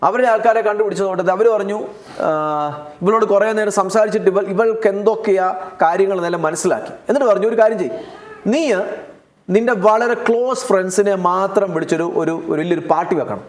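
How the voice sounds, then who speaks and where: A male pastor with a high voice preaches emphatically, repeating phrases for force and mixing in English words. His voice carries the ring of a reverberant church hall. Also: brisk. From India. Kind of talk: sermon.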